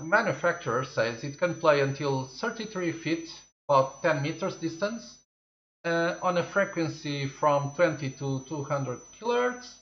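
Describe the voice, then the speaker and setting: A slightly high-pitched man in his forties, a native speaker of Portuguese, runs a tech review channel and unpacks a product at his studio desk. His casual talk is slow and full of fillers as he thinks aloud. The recording has room echo, slightly dull audio and a little hiss or hum.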